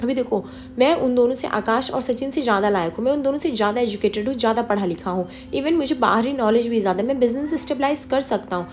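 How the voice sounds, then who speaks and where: A woman's voice: a little high, quick pace, hardly any pauses, a little hiss or hum, close to an everyday voice. A woman voicing an anxious young husband who pleads and defends himself, close to her own voice. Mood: defensive. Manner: flustered, pleading.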